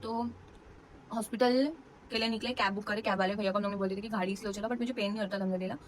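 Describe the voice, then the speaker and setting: A young woman vlogger with a mid-range voice tells a personal story to camera at a racing pace, her intonation fairly even. She's chatty and emotional, filling the retelling with fillers, and the low-quality recording carries slight background noise.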